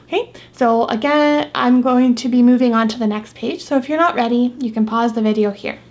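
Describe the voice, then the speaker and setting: A woman teacher giving a recorded phonics lesson to young students, patiently repeating example words slowly. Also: fairly high pitch, darkish tone.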